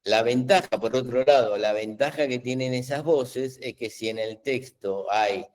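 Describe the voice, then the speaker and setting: A man's voice: medium pitch, moderate pace, a little mellow. A middle-aged man, hosting a live webinar Q&A and explaining patiently with many fillers and restarts. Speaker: webinar host explaining AI tools.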